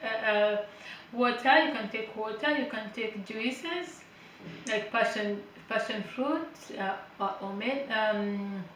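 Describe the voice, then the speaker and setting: Taking her time in a fairly high, somewhat bright voice, a Ugandan woman working in care reads her notes aloud during an informal health lesson, explaining with hesitant fillers and light chatty asides. She isn't a native English speaker, and Finnish is her third language. The recording is echoey, a bit distant from the mic, with a little hiss or hum.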